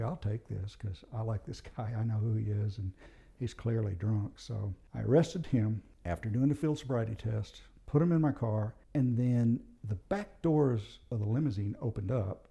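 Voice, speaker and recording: A former police officer, a man, tells true stories from his years on the job in a casual, plain-spoken, matter-of-fact manner. His voice is lowish, gravelly, and warm, though the audio sounds dull.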